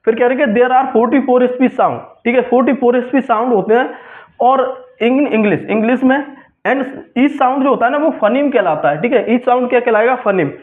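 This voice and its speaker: Man with teaching exam class, keeps repeating stuff, mixes in english words, high voice, sounds like a phone. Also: a little slow. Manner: repetitive, asks and answers own questions; mixes English terms into Hindi. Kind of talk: exam-prep class lecture. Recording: tinny phone-like lo-fi audio.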